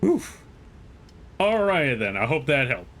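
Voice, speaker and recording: A man gives chatty live game commentary, his voice bouncing widely up and down with a bright, forward edge. He jokes around and reads messages from chat aloud as he plays. His voice sits a little higher than most men's. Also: sing-song, normal speed. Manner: playful, joking. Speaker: streamer.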